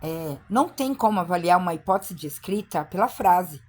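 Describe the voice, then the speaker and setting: A woman's voice: fairly low pitch, lively intonation, normal speed, darkish tone. A woman giving an instructional talk to teachers, speaking emphatically and acting out short classroom dialogues. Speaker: teacher trainer.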